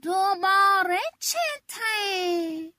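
Woman putting on a crafty fox, drawls slowly, sweet and fake, lively voice. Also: very high voice, no room sound, studio quality, full character voice. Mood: sly, coaxing. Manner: slow, drawn-out, smooth-talking. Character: sly scheming fox pretending friendship.

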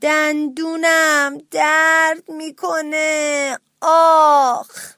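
A small, high-pitched cartoon mouse, put on by a woman narrator, whining and moaning because his tooth hurts. He squeaks his complaints slowly. It comes through a dry, close recording. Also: animated, no room sound. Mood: pained. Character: little male mouse, a forest dentist in pain.

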